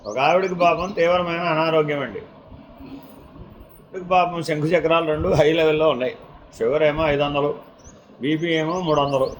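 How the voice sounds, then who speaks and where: Animated Telugu-speaking spiritual teacher. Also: male voice, fairly high pitch, slight background noise, poor audio. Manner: animated storytelling, acting out people in his anecdotes; chants Sanskrit verses slowly. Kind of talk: sermon.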